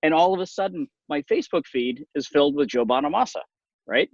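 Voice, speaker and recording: A man's voice: a little high, expressive, a little fast, no room sound, muffled recording. A middle-aged man with a Californian American accent, talking casually in a rambling, wry, anecdotal way. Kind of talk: casual conversational talk.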